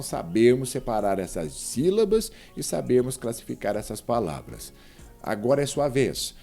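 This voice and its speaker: A Brazilian-accented man with a medium-pitched, dark voice teaches a Portuguese grammar lesson. He's didactic, addressing the viewer directly and drawing out example words slowly so each is clearly heard and spelled out.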